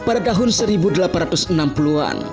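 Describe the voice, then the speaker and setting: A man reads a scripted documentary narration in an even, formal manner. His voice sits fairly high for a man. Music plays clearly underneath, as in a played-back video. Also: quick pace.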